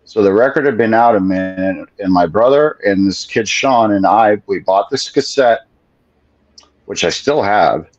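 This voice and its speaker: A fairly low, animated male voice takes its time, with no room sound, as a Venezuelan-born, Florida-raised drummer in his forties recounts his story as a guest on a casual video call. He's easygoing and swears freely. The webcam audio, captured in a home room with a ceiling fan, is dull and lo-fi.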